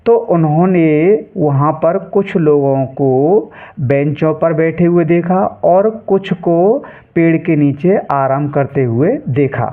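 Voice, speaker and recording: A man teaching an English reading lesson. He reads each English phrase slowly, word by word, then explains it in Hindi. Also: on the high side. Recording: tinny phone-like sound.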